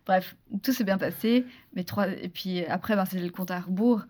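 A woman from France, a guest in a casual interview, telling a story in a lively, chatty way with many restarts and fillers. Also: lowish voice, moderate pace. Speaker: interview guest, former beauty pageant contestant.

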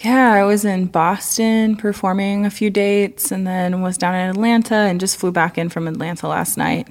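A young woman from Oklahoma, a musician being interviewed in a studio, relaxed and chatty, often saying "like.". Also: medium pitch, moderate pace. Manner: relaxed, laughs easily, says "like" often. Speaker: musician guest. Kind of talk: casual interview.

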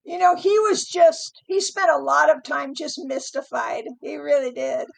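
A middle-aged woman guest telling family stories in a casual chat, animated and laughing often. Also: sits high, measured pace, vocal fry, low-quality recording.

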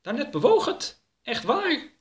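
Man putting on a high, eager traveler voice, anxious, talkative, bright tone, storybook. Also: huge pitch swings, a little slow, full character voice. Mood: alarmed.

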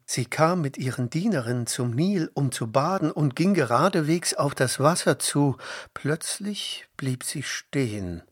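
Slow husky-voiced male storyteller. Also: a little high, dry recording, studio quality. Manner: calm, deliberate storytelling. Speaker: reader. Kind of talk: bible story narration.

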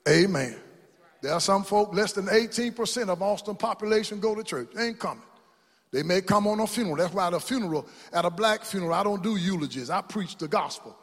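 A man preaching a sermon as pastor, rising into shouts and call-and-response in a church. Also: high voice, expressive, a little fast, slightly rough. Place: church sanctuary. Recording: long hall reverb.

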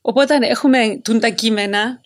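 Woman interviewer with a Greek Cypriot accent. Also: on the high side. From Cyprus. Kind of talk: casual conversational interview.

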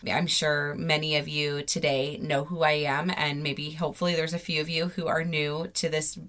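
An American woman hosts a podcast from a closet, her voice sitting slightly low. She tells personal stories casually, in an informal, gushing way peppered with filler slang. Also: level tone, normal speed, fairly bright tone. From South Florida, United States. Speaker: podcast host. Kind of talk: casual, chatty personal storytelling. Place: inside a closet at home.

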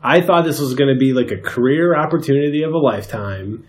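A man co-hosts a podcast, talking through a movie in a relaxed, conversational way. His voice sits at an ordinary mid pitch. He drops dry jokes and pop-culture references as he goes. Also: quick pace. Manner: wry, joking asides and pop-culture references. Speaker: podcast co-host. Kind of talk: casual movie recap chat.

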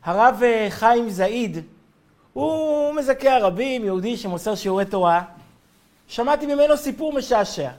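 Rabbi guy with a really high voice, giving his weekly torah class, tells stories and acts out the lines. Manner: animated storyteller, acts out quotes, chuckles while telling. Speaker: rabbi teaching a weekly lesson. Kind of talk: Torah lesson with storytelling.

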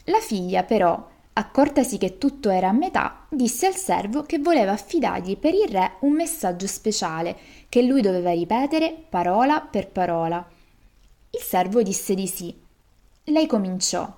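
A woman reading a folk tale aloud as a storyteller, in a lively, expressive way. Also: mid-range voice, normal speed.

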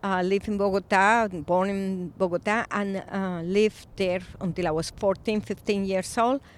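A Colombian-born woman in her fifties, an Episcopal priest, speaking thoughtfully in a recorded interview, with frequent pauses and fillers. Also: mid-range voice, fairly even intonation. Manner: reflective, soft-spoken with frequent pauses and fillers.

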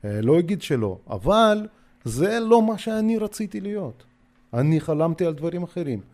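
A man in his forties with a Russian accent, a podcast guest telling his own story in a hesitant, halting way full of filler sounds. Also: fairly high pitch, very animated, a little mellow. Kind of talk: personal storytelling.

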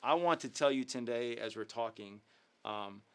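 A man of ordinary pitch hosts a youth ministry livestream. He talks in a casual, earnest and upbeat way, filling his sentences with ums and uhs. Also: moderate pace, clear, resonant tone. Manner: filler-heavy, earnest, upbeat. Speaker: youth ministry leader and host. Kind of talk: casual livestream talk with devotional teaching.

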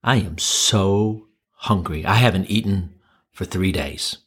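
A frightened, starving young fugitive who pleads with desperation, as a preacher quotes him. His voice stays low and subdued. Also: takes it slowly, fairly bright tone, husky, full character voice. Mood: pleading.

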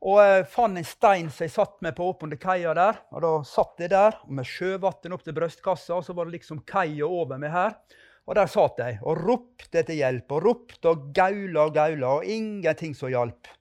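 A man's voice: a little high, a little mellow. A man giving a spoken testimony and a fervent prayer as a preacher on a podcast.

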